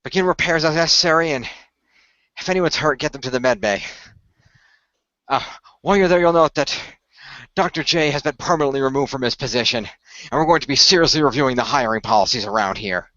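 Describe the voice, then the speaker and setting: In an amateur radio play, a man voices a calm, technically minded team leader, explaining things in a measured, authoritative, commanding way. His natural, medium-pitched voice is muffled, with no room sound.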